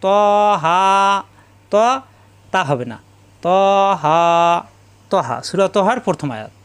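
A man teaching Quran letter pronunciation step by step, drilling each letter slowly and chanting drawn-out Arabic sounds. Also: on the high side, sing-song, a bit bright. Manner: slow, drilling letter sounds one by one and repeating them.

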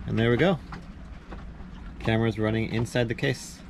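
A man in his thirties talking casually to the camera as a sailing vlogger, relaxed and chatty with small laughs, recorded aboard a small boat. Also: medium pitch, normal speed, noisy background. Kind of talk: casual vlog narration. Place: small boat cabin and deck.

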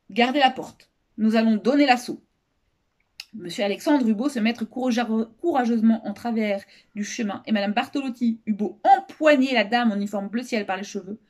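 A woman reading a children's novel aloud as a storyteller, expressive and lively, raising her voice for the characters' shouted lines. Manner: expressive, raises pitch for shouted quotes.

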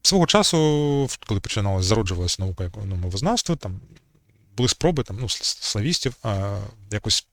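A man's voice: fairly low pitch, big pitch swings, fast, dry recording. A man giving an unscripted talk on language history as channel host, hesitating often with fillers and restarts.

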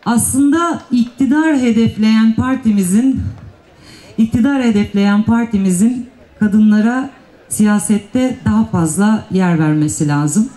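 A woman's voice: fairly high pitch, mellow. A woman mayor giving a formal, emphatic panel speech at a podium microphone. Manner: earnest, emphatic speechmaking with drawn-out stresses. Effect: speaking at a podium microphone. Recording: echoey public address sound.

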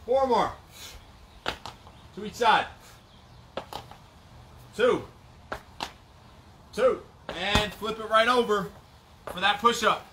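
A man working as a fitness coach, calling out short, commanding exercise cues like an energetic aerobics instructor, outdoors. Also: sits high, extremely slow, long pauses, slight background noise. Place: outdoor backyard gym patio. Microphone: camera a few metres away.

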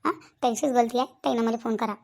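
A woman's voice: on the high side, fairly even intonation, very fast, vocal fry, darkish tone, voice pushed down. A woman voicing a sulky, stubborn young wife. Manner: complaining, repeats herself. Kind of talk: cartoon voice acting.

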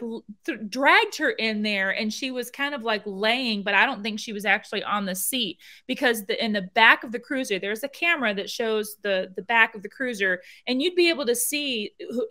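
A woman's voice: on the high side, sharp tone. A woman hosting a vlog, commenting on video clips in an emphatic, indignant way. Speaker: vlog host.

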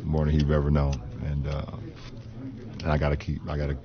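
Very deep halting male athlete, muffled. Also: completely flat delivery. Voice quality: halting, many fillers and repeated words. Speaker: basketball player at postgame press conference. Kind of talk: emotional press conference remarks. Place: locker room. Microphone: press mics in front. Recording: muffled broadcast audio with crowd noise.

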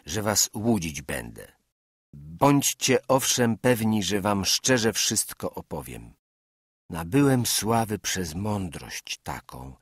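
A man reading an audiobook, delivering a classical speech in a measured, oratorical manner straight to his listeners. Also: on the low side, slightly rough, dry recording, clean studio sound. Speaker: audiobook reader. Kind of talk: scripted narration of a classical speech.

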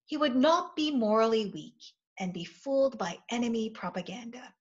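A middle-aged woman pastor giving a measured, earnest sermon from a small office, recorded on a webcam. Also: a little high, expressive. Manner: measured, earnest reflective preaching. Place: small indoor office with bookshelves. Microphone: webcam, seated facing camera. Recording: dull lo-fi webcam audio.

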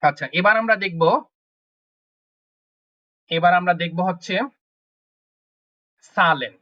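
A man leads an online German lesson, saying each word over and over at a slow, patient pace. His voice comes through a computer mic on a call, so the sound is dull and lo-fi. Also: high voice. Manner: slow, repetitive drilling of words. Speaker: German language teacher.

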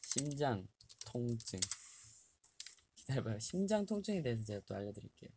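Streaming from a small, bare room, this twenties-aged host chats loosely with his fans, laughing a lot as he reads out health tips. He speaks at a moderate pace in a mellow, medium-pitched, sing-song voice. Slight background noise comes through his desk-distance webcam.

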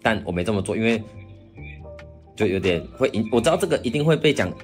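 A man's voice: fairly low pitch, lively intonation, fast, faint music behind. A man leading a casual discussion on a group voice call.

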